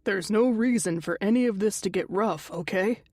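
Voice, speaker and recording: A woman's voice: medium pitch, moderate pace, darkish tone, no room sound, studio quality, lightly acted. A woman doing a sly, menacing uncle. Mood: wheedling. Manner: smooth, wheedling, wry.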